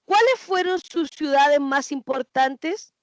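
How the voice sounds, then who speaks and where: A woman's voice: sits high, animated, slow, no echo. A woman teaching a history class, asking questions, repeating students' answers and checking that they follow.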